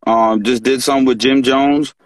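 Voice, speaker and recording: A man who grew up in Pakistan, a rapper guest in a casual livestream chat, talking in a relaxed, easygoing way with lots of "you know" and "man". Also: mid-range voice, measured pace, no room sound, poor audio. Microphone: video call.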